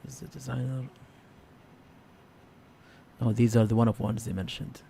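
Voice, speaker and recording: A man's voice: mid-range voice, steady tone, normal speed, mellow. A man hosting a casual live stream, thinking aloud in a hesitant, unscripted way. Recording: clear background noise.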